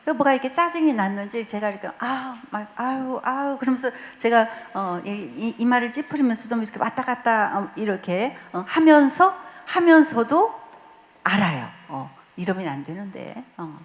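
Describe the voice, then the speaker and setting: A woman leading a spiritual retreat, telling stories in a warm, chatty way with frequent fillers and occasional laughter. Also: fairly high pitch, very animated, normal speed. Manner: warm storytelling, acts out quoted dialogue, frequent fillers; laughs often while speaking. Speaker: lay mission president leading a retreat talk.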